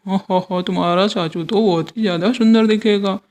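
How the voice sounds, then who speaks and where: Woman putting on a jolly uncle, middle-pitched, doll story role-play, playful and bossy. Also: steady tone, brisk, darkish tone, close to an everyday voice. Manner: jolly, bossy toward a child. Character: cheerful male relative, playful uncle.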